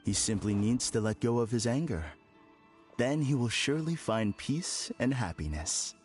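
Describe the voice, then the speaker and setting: An actor playing an unsettlingly calm, formal villain in a game cutscene, speaking in a measured, courteous way. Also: male voice, medium pitch, faint music behind, close to an everyday voice. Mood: serenely polite. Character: eerily serene polite man, unsettling villain. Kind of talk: video game cutscene dub.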